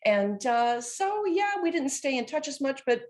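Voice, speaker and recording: Chatty reminiscing woman, higher voice. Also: very animated, moderate pace, a little mellow. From Scotland. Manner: reminiscing, chatty with fillers and restarts. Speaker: guest, former student now faculty. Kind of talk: casual interview over video call. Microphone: video call.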